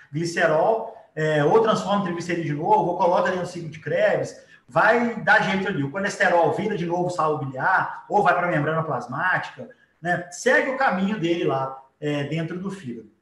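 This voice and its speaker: Animated and fairly bright, a man's higher-pitched voice comes through at a moderate pace, far from the microphone in an echoey space. He's a biology teacher with a Brazilian accent delivering a relaxed live lecture with drawing, often adding quick tag questions.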